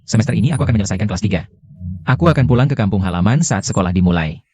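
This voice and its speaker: A man's voice: fairly low pitch, expressive, rapid-fire, darkish tone, slightly rough, dry recording. A man dubbing a worried adult son in a TV drama, coaxing his father in a soothing manner. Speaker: dubbed drama character. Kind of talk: dubbed TV drama acting.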